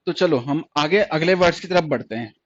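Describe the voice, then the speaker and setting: A man's voice: on the high side, brisk, no echo, highs cut off. A man teaching a stenography class online, repeating each point and asking questions he then answers himself. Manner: repetitive, asks questions and answers them himself.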